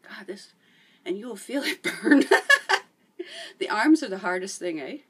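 A middle-aged woman talks slowly and chattily while exercising, out of breath and cheering the viewer on. Her voice sounds set back from the mic, caught by a camera across a room at home. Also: medium pitch, animated, husky. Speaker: fitness vlogger. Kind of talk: casual workout demonstration. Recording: voice from a distance.

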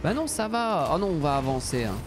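A Belgian man streams a strategy game, casually commenting and thinking out loud while thanking his viewers. His voice is a little high and sing-song, he talks fairly quickly, and there's background noise.

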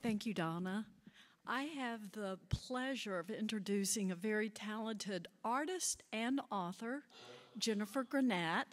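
A woman's voice: mid-range voice, measured pace. A woman presenter giving a formal introduction from an auditorium stage. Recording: echoey hall with long reverb.

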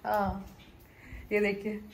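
A woman's voice: medium pitch, completely flat delivery, slow pace. A young woman from India, chatting to viewers in a casual home vlog while filming around her family's house and kitchen. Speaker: family vlogger.

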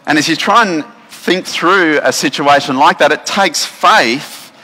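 An Australian man preaches in an easygoing, conversational way, full of "um"s and restarts. His voice is bright and forward, and it rings out with the long reverb of a church hall. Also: on the high side, unhurried. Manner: relaxed, chatty, many fillers and restarts. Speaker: pastor. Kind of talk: casual sermon with instructions for children.

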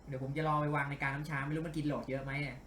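A man giving casual let's-play commentary, animated and grumbling and cursing at the game as he plays. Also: a little high, very fast, roomy sound, slight background noise. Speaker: game streamer.

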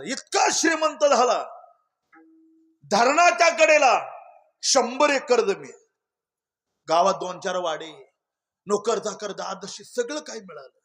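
A man preaching a kirtan sermon, telling stories and swinging between loud exclamations and hushed asides. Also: very high-pitched. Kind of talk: Marathi kirtan sermon with storytelling.

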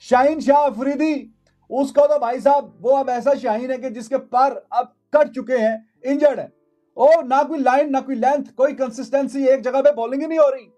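A man's voice: very high voice, fairly even intonation, normal speed, warm tone, faint music behind. Man, 30s, mocking cricket analyst, repetitive, studio, lapel mic. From Pakistan. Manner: mocking, repeats phrases for emphasis. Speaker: cricket commentator. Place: indoor studio.

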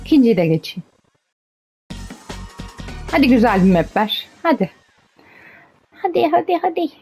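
A woman's voice: a little high, very animated, normal speed, a little mellow, slightly rough, faint music behind. A young woman giving casual commentary on her own gameplay, cheering herself on and getting exasperated. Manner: chatty, self-cheering, exasperated at the game. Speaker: gaming streamer.

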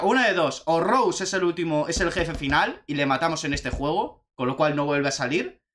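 A young man with a Spanish accent from Spain, chatting excitedly as he reacts to a video game trailer. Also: fairly high pitch. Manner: excitable, chatty, says "tío" often. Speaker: gaming youtuber reacting to a trailer.

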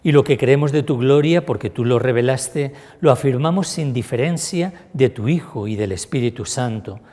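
Give me a priest leading Mass with solemn, measured prayers in a church with a long reverb. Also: male voice, mid-range voice, dark tone. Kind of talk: celebrating Mass.

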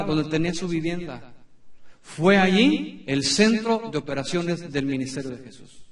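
A man in his thirties preaching a sermon in a church, emphatic, with dramatic pauses and repeated phrases. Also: high voice. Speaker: pastor. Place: church sanctuary. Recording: echoey room from a distance.

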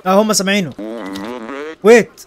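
A man's voice: high-pitched, fairly even intonation, moderate pace, crowd noise. A man with an Egyptian Arabic accent hosting a let's-play, joking and teasing his co-player as he plays. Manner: joking, teasing, laughs often. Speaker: gaming channel host. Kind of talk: casual let's-play commentary.

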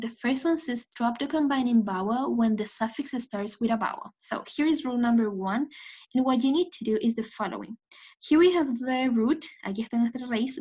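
A slightly high, slightly mellow woman's voice delivers a bilingual English lecture, recorded with dull lo-fi sound. The teacher, whose first language is Spanish, says each explanation in English and then in Spanish, regularly checking in with "¿ok?".

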